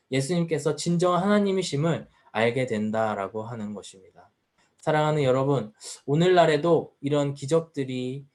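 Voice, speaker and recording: A man's voice: medium pitch, darkish tone. A man preaching a sermon at a youth service as the pastor, earnest and full of rhetorical questions. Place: church.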